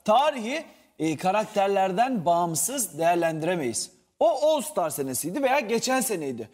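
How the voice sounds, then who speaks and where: A man on a TV panel show, firmly disagreeing in a measured way. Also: high voice, sing-song, long reverb tail. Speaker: TV panel commentator. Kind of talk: panel debate.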